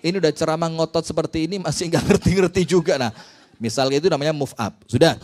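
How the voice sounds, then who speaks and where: A man preaching a sermon to a women's study group, animated and joking, firing quick rhetorical questions at the audience. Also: fairly high pitch.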